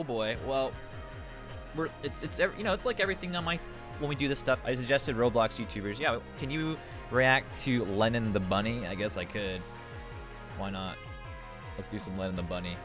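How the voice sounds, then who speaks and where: A man's voice: mid-range voice, moderate pace, music in the background. A man rambling casually on a live stream, restarting his sentences and reading chat aloud into a desk microphone.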